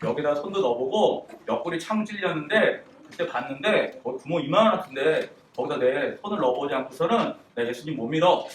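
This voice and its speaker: A man's voice: a little high, brisk, hardly any pauses. A man giving a children's sermon, asking the kids questions and acting out quotes. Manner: animated, asks children questions, acts out quotes. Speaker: children's worship preacher. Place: church room. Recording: echoey room, distant mic, faint noise.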